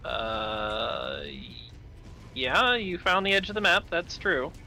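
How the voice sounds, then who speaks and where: A man streaming a game with friends, talking in an animated, playfully melodramatic way. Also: fairly high pitch, slow, soft background music. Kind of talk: casual gaming chat.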